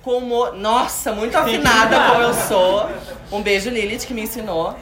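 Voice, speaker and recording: Brief: female podcast co-host, playful and teasing, a bit high, recorded live in a roomy space with an audience. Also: steady tone, moderate pace, a crowd in the background. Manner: explains game rules, playful and teasing. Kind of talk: casual live podcast chat.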